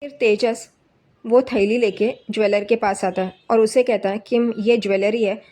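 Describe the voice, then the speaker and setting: A woman's voice: a little high, steady tone, moderate pace, warm tone. A woman narrating a casual recap of a TV serial episode, retelling scenes and quoting the characters' lines in a plain voice.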